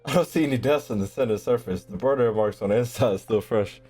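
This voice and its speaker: Talking fast in a warm, medium-pitched voice, a young American streamer riffs on his game with loose slang and jokes as it unfolds live. There's faint game music underneath.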